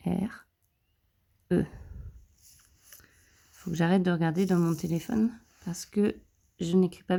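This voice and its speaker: Woman teacher, slow and patient, gravelly low-toned voice, counts strokes aloud, phone-recorded lesson. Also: warm tone. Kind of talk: handwriting lesson for young pupils. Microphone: phone camera.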